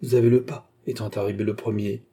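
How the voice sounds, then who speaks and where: Homme jouant un jeune noble impatient et maussade, colère contenue, voix sombre. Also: male voice, fairly low pitch, level tone, quick pace, mellow, breathy edge. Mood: courteous. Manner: sulky, restrained anger. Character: impatient, sullen young nobleman.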